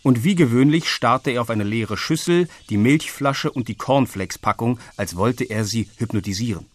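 A man narrating a children's audiobook in a lively way, switching into the characters' voices. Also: medium pitch, moderate pace. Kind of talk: audiobook reading.

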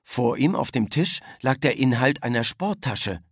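A man reading a children's story aloud as narrator, in an expressive storytelling manner. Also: mid-range voice, a little slow, dry recording, clean studio sound. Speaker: audiobook narrator.

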